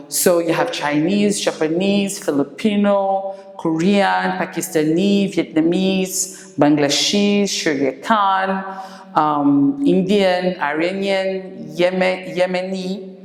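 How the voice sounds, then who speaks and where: A woman teacher giving an English lesson, slowly repeating each word for her pupils. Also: deep voice. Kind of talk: classroom lesson. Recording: echoey room with long reverb.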